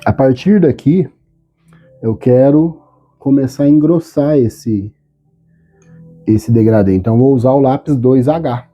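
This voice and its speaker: A man teaching a step-by-step drawing tutorial, calm and patient, often checking in with short questions. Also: mid-range voice, a little slow, long pauses, faint music behind.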